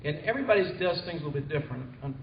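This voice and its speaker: A man speaking in a relaxed, joking way at a company meeting. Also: fairly high pitch, rapid-fire, muffled recording. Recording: distant, noisy, roomy hall recording.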